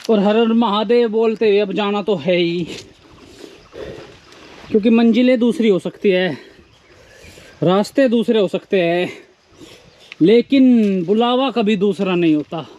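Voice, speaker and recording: Male travel vlogger, high-pitched, casual reflective narration while hiking outdoors, handheld camera mic. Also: a little slow, pauses often, darkish tone, highs cut off. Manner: reflective, musing, philosophical asides; talks while hiking barefoot uphill. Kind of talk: casual walking vlog narration. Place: outdoors on a forested hillside.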